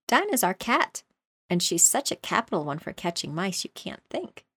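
A woman's voice: fairly low pitch, big pitch swings, normal speed, fairly bright tone, slightly rough, no room sound, heavily acted. A woman voicing an eager, polite young girl who talks humbly and earnestly.

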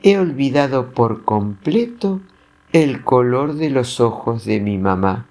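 A man's voice: mid-range voice, animated, takes it slowly, a little mellow, pitched above the performer's own voice. A man voicing a whiny, grumpy crocodile with sore knees in a storybook reading, shrieking and fussy. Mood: wistful. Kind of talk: storybook voice acting.

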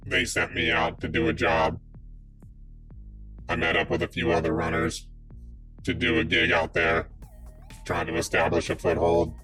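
A man playing a grim former gangster runner in a tabletop role-play, speaking in a clipped, deadpan way. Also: deep voice, moderate pace, pauses often, soft background music. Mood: terse. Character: grim male ex-mobster rigger with robotic voice.

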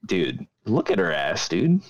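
A man co-hosting a podcast in casual chat, joking crudely in animated banter. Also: deep voice, measured pace, poor audio. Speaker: podcast co-host.

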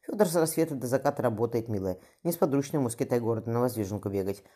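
A woman voicing a sharp-tongued but caring noble mother in her thirties who speaks wryly and teases dryly. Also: rumbling low, animated, rapid-fire, breathy edge, heavily acted. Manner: wry, dryly teasing.

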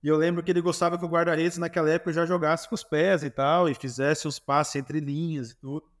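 A Brazilian man in his forties speaks with a Brazilian Portuguese accent and a somewhat high voice. He answers interview questions by telling stories and acting out the dialogue in a lively way. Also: brisk. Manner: animated, lively storytelling with acted dialogue. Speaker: former goalkeeper, guest.

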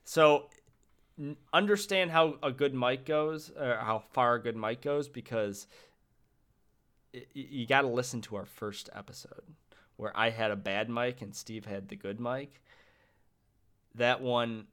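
A man's voice: mid-range voice, a little slow, pauses often, a bit bright. A young man co-hosting a podcast in casual chat, laughing often and swearing freely. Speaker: podcast co-host.

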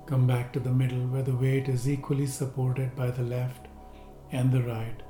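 Calm man guiding a slow relaxation. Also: medium pitch. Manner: slow, calm, gentle instructions with long pauses. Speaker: meditation guide. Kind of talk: guided relaxation instruction. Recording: roomy echo with faint music.

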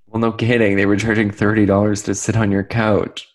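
A man with a very deep, low voice co-hosting a casual pop-culture podcast. He dishes gossip at an easy pace, full of "like" fillers and wry little asides. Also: flat delivery, brisk. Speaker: podcast co-host.

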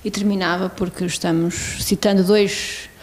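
A woman hosts a casual podcast conversation. She speaks in a measured, deliberate way. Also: on the low side, fairly even intonation.

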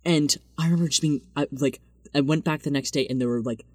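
A man's voice: on the high side, fast, dry recording. Guy on a podcast rambling thru an awkward story, lots of likes and ums, dry close sound. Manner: rambling, self-deprecating storytelling with many fillers. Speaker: podcast co-host. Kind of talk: casual chat, telling stories.

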